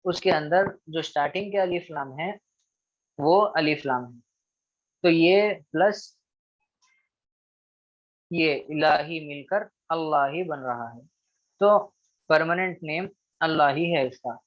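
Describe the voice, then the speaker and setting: A man's voice: a little high, slow, long pauses. Patient male teacher on a dull recording. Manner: patient, repeats each rule, checks in with frequent "okay". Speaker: Arabic teacher. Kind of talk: recorded online grammar lesson.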